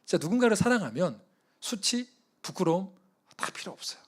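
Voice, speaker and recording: A man preaching at a church service, in a conversational, animated storytelling style. His voice sits somewhat high for a man, and it swings between soft, low asides and louder, excited moments. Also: brisk. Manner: animated, conversational, often chuckling. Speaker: guest missionary preacher. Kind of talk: sermon with personal storytelling.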